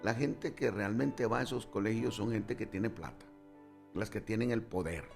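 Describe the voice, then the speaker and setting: A man from Honduras, a guest pastor, telling his personal testimony in an interview, relaxed and storytelling with asides. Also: fairly low pitch, moderate pace, creaky, faint music behind.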